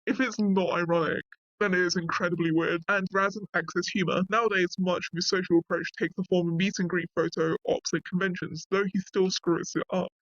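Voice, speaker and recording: A man's voice: high-pitched, flat delivery, fairly quick, a bit bright, highs cut off, slight background noise. A man reading a wiki article aloud and breaking off into casual asides, often saying "like". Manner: reads passages, then breaks off into offhand asides with frequent "like".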